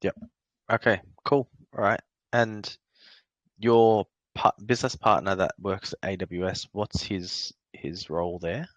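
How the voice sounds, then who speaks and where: A man hosting an AMA interview, casual and agreeable, asking questions with quick affirmations. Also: sits low, steady tone, fairly bright tone, dry recording. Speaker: interview host.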